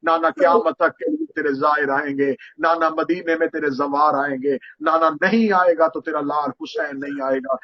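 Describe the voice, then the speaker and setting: A man's voice: a little high, fairly even intonation, normal speed, few pauses, no echo, natural voice. A man voicing a grieving grandson who weeps and pleads at his grandfather's tomb. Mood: pleading grief. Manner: weeping, pleading lament. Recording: dull lo-fi, dry sound.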